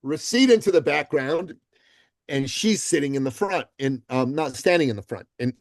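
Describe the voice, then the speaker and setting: A man guest on a podcast, telling a story in a casual, animated way and acting out the quotes, with many ums and you-knows. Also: fairly high pitch, normal speed, no echo, studio quality. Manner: frequent fillers like um and you know.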